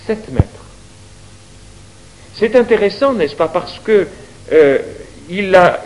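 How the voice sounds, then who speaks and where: A man's voice: high voice, low-quality recording. A man teaching the Bible to a congregation, asking them questions as he goes. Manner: lively, questions the audience.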